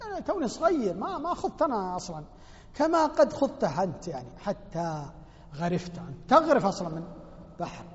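A man's voice: high voice, sing-song, fast. A man preaching in a mosque, explaining a poem with fervent emphasis and repeating phrases for stress. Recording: dull lo-fi recording in a reverberant hall.

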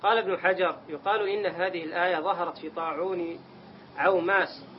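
High-voiced man reading texts aloud. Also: steady tone, fast. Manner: careful, formal reading with short questions to the teacher. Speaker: student reading the text aloud. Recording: dull lo-fi sound with faint noise.

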